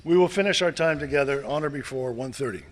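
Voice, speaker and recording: A man's voice: medium pitch, fast talker. A man moderating a candidate forum in a meeting hall, reading out the rules with small asides. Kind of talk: formal announcement of rules.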